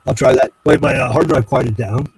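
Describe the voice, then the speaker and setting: Gravelly man over a glitchy voice chat. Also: medium pitch, moderate pace, darkish tone, no echo. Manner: easygoing, chuckling, rambling. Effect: voice heard over an online group voice chat, breaking up. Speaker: guest researcher. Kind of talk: casual chat.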